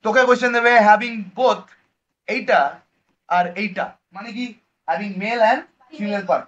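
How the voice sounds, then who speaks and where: A man with a Bengali accent teaches a biology lesson in a high voice. He fires questions at his students, answers them himself and keeps mixing English terms into casual talk. The recording sounds dull and lo-fi. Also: slow pace, a bit bright. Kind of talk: online class lecture.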